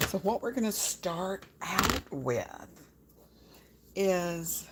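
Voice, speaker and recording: Slow, gravelly-voiced home cook. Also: mid-range voice, noisy background. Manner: chatty, folksy, talks straight to viewers. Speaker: home cooking vlogger. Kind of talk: casual cooking demonstration.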